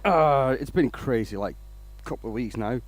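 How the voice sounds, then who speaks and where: A man's voice: medium pitch, moderate pace. A man from Denmark, hosting a casual woodturning livestream, rambling along and greeting viewers by name.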